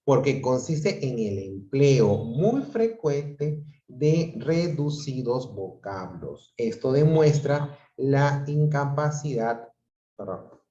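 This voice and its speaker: A warm, animated man speaks slowly in a mid-range voice while teaching an online lesson. He explains patiently and repeatedly asks the class checking questions. Picked up by a computer mic on a video call, the audio is dull and roomy.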